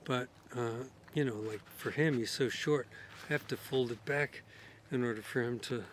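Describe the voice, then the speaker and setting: A sick, coughing man rambling casually outdoors in his garden for his vlog, his voice going hoarse. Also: medium pitch, normal speed, a little hiss or hum. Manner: rambling, many fillers and restarts. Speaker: garden vlogger.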